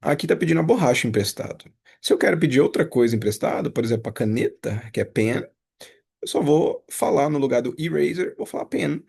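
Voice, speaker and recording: A man's voice: medium pitch, gravelly, darkish tone, slightly rough. A man teaching a casual review lesson. He talks patiently, explains step by step and repeats each example. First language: Portuguese.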